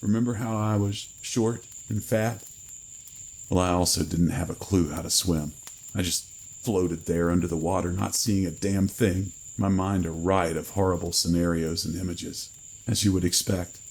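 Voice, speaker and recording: A man reading a first-person horror story in a slow, grave storytelling manner. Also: low-pitched, fairly even intonation, creaky, darkish tone, husky, rough recording. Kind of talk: scripted horror narration.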